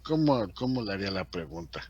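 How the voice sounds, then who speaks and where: A man's voice: sits low, very animated, a little fast, a little mellow, no echo, muffled recording. A man teaching an English grammar class in a chatty way, asking his students questions as he goes. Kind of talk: classroom lesson explaining grammar.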